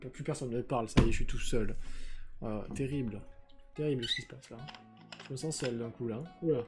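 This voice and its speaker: With music playing in the background, a young man speaks a little fast in a medium-pitched voice during a live stream. His talk is loose and rambling, with many hesitations and crude slang, captured on a filtered desk mic.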